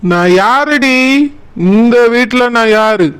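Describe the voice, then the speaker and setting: Man doing a squeaky drunk cartoon husband. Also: animated, takes it slowly, fairly bright tone, clear, resonant tone, heavily acted. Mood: drunken bluster. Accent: Kanyakumari Tamil. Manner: slurred, self-important, rambling. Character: drunken blustering village husband, proud son-in-law. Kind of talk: cartoon comedy voice acting.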